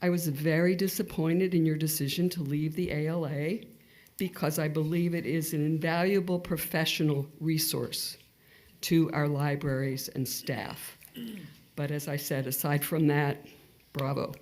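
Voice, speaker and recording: A woman's voice: sits low, steady tone, measured pace, darkish tone. A woman giving an informal public comment in a polite, appreciative manner.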